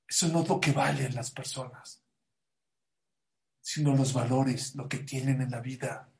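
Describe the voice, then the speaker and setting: A man giving a sermon, mixing a story into his teaching, swinging between loud emphasis and hushed asides. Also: mid-range voice, fairly even intonation, unhurried, creaky, roomy sound. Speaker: religious teacher. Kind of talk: sermon with anecdote.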